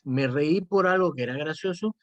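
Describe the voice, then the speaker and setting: A man's voice: a little high, moderate pace, fairly bright tone, no echo, lo-fi sound. A man, a psychotherapist chatting reflectively and often tagging his sentences with "¿no?". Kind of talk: casual conversation.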